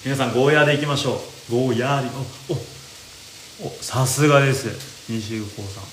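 A man's voice: mid-range voice, fairly quick, a little hiss or hum. Young man chatting over frying. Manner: chatty, reads viewer comments aloud and answers them. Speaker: live-stream radio host. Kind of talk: casual chat while cooking. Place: home kitchen, indoors. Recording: roomy kitchen with loud frying sizzle.

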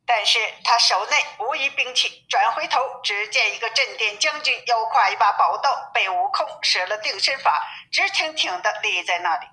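A woman reading a classic story aloud as a storyteller, with a lively manner that lifts for character quotes. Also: fairly high pitch, normal speed, few pauses, poor audio.

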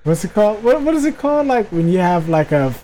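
A man's voice: high-pitched, big pitch swings, fast talker, mellow, slight background noise. A man co-hosting a podcast from home over a video call, laid-back, giggly and teasing. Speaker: podcast co-host. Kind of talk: casual chat. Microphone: computer video call.

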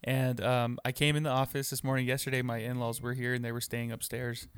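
A man co-hosting a podcast from his home office, easygoing and quick to laugh. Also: medium pitch, level tone, clean tone, dry recording. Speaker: podcast co-host. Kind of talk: casual podcast chat.

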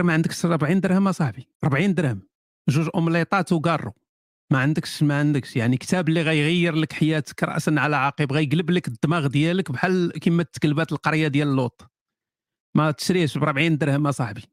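A man with a Moroccan accent speaks quickly in a fairly high voice. He chats informally to live-stream viewers as a host, with a sardonic edge, circling back and restarting phrases as he goes. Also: no echo, clean studio sound. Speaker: author hosting a live stream. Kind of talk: casual live-stream chat answering viewer questions.

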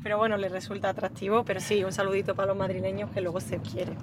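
A woman's voice: medium pitch, flat delivery, rapid-fire, noisy background. A woman co-hosting a casual interview in a car, asking long, rambling questions. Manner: chatty, rambling questions with restarts. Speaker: co-host. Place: inside a car.

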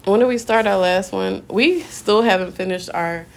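A woman's voice: mid-range voice, moderate pace. A woman co-hosting a podcast in a laid-back casual chat, joking and swearing freely. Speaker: podcast co-host.

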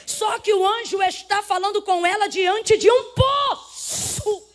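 A woman preaching a sermon to a congregation, swinging from hushed, slow passages to loud, impassioned declarations. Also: very high voice. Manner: impassioned, swings from soft to shouting, addresses congregation.

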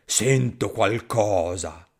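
A man voicing a big, gruff forest monster in a storybook reading, slow and rumbling. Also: full character voice.

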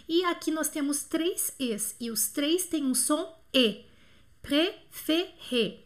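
A Brazilian woman teaching French in a live online lesson, chatty with scattered asides, slowing right down to sound out example words. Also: high-pitched, a bit bright. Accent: Brazilian Portuguese. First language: Portuguese. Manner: chatty, scatterbrained asides, drawn-out slow word demos.

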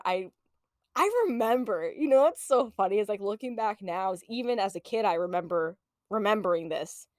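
A young woman in her late twenties chats through a funny childhood story as a podcast host, loose and profane, breaking into laughs. Her voice sits a bit high and lively. The sound is close and dry, with no room around it. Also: no echo. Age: late 20s. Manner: animated, profane, laughs often. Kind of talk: casual storytelling chat.

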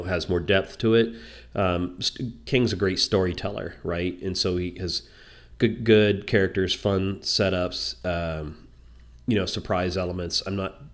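Guy w a really deep voice, stuffy nose from a cold, rambly casual podcast host talk. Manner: rambling, hesitant. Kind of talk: casual solo talk about shows and books.

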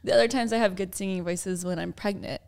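A young woman with a raspy, gravelly voice co-hosts a podcast, chatting casually in a playful, animated, teasing way. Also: mid-range voice, fast. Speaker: podcast co-host.

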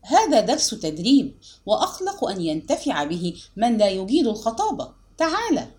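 A woman's voice: on the high side, very animated, normal speed, darkish tone. A woman voicing a firm male law professor. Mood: encouraging. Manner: firm, commanding, raises voice to the hall. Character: stern but kindly male law professor.

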